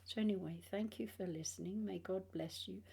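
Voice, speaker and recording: An older British woman, in her sixties or beyond, chatting casually and haltingly in a personal vlog, sounding tired, with speech affected by missing front teeth. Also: mid-range voice, steady tone, creaky, dark tone, slightly rough. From England. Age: 60s or older. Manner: halting, rambling, trailing phrases.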